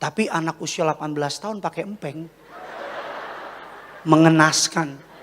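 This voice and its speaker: A male pastor preaching a Sunday sermon, telling family stories in a lively way. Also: fairly high pitch, normal speed, slight background noise. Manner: lively storytelling with family anecdotes. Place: large church hall, Sunday service. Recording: long church-hall reverb.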